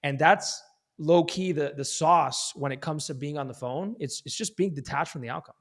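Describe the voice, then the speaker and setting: A man's voice: fairly high pitch, moderate pace. A male real estate agent guest giving sales tips in emphatic talk, often repeating words as he starts a phrase. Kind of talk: fast sales-coaching talk.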